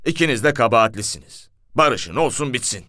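An impatient, firm commissioner, as a narrator puts him on cuts others short in a lively, raised voice. He is dry and close to the mic, all business. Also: mid-range voice, a little fast, dry recording. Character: pragmatic police commissioner urging peace.

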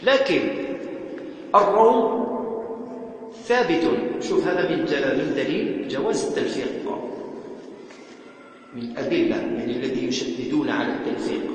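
A man teaching Quran recitation, with a slightly high voice. He breaks off his explanations to chant verses slowly. The sound rings through a large, reverberant mosque hall. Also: animated. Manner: slow, sung demonstrations of Quranic verses between explanations. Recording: echoey hall with faint background noise.

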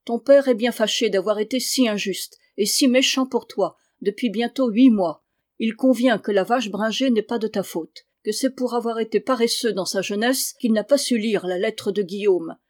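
A firm, kindly farmer's wife from a classic storybook, read by a woman. She coaxes and scolds in a plain, mid-pitched voice. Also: normal speed, darkish tone, lightly acted.

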